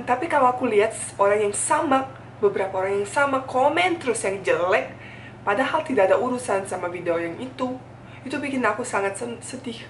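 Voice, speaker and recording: Echoey foreign woman vlogger. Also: mid-range voice. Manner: foreigner speaking fluent colloquial Indonesian as a second language; earnest, emphatic, repeats phrases. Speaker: food YouTuber. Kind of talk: candid confessional talk to camera. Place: indoors at home. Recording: echoey room, distant mic, faint noise.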